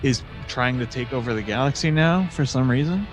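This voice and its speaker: A man's voice: mid-range voice, animated, music in the background. Chatty, critical man on a podcast. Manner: critical, chatty, quick asides. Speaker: podcast co-host. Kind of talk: casual chat.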